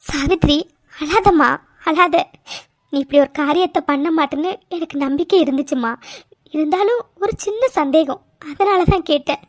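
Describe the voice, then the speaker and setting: A woman voicing a calm, direct older mother-in-law in a cartoon who soothes and questions. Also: high voice, normal speed, no echo, clean studio sound, natural voice. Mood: soothing. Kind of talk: cartoon voice acting.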